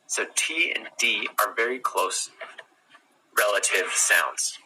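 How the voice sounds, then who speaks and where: A man with an American accent giving a relaxed pronunciation lesson, repeating words slowly and drawing out each sound. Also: lowish voice, noisy background. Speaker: pronunciation teacher.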